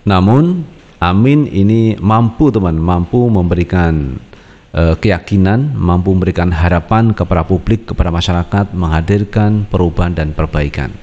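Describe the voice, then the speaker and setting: A man's voice: low voice, normal speed, warm tone. A man hosting an online news channel, reading an article aloud and chatting to viewers between passages with hesitant fillers. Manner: addresses viewers as friends, fillers between phrases. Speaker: political news channel host. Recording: dull lo-fi sound.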